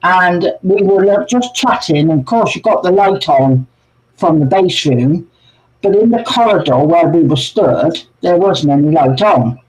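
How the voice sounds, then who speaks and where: A man's voice: a little high, expressive, measured pace, a little mellow, rough recording. A man chatting casually on a livestream as co-host, telling ghost stories and greeting viewers by name over a video call. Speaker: co-host, paranormal investigator.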